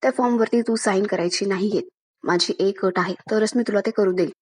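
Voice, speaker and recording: A woman's voice: mid-range voice, fairly quick, slightly rough, close to an everyday voice. A woman voicing a controlling, scheming older sister who gives cold commands.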